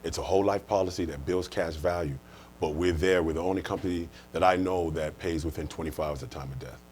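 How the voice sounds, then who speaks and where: A man's voice: deep voice, fast talker, darkish tone, slight background noise. A man from the United States explaining things earnestly in an interview, restating his points as he goes. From United States, born and raised. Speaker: life insurance manager, interview guest. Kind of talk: conversational interview answers, explaining.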